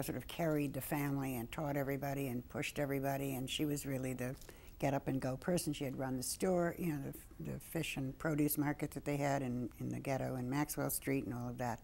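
A woman's voice: rumbling low, gravelly, darkish tone. A woman interviewed for a documentary, telling family stories in an anecdotal way. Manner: anecdotal storytelling.

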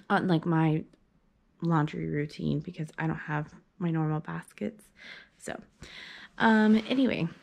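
In a fairly low, dark voice with vocal fry, a young woman mom-vlogs at home in a relaxed chat, rambling and restarting with plenty of fillers. She films herself in a small playroom on a handheld phone at arm's length.

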